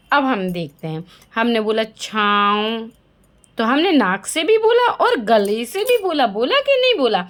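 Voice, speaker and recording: A woman teaching a language lesson to young children, asking questions and answering them herself and repeating the key words. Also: fairly high pitch.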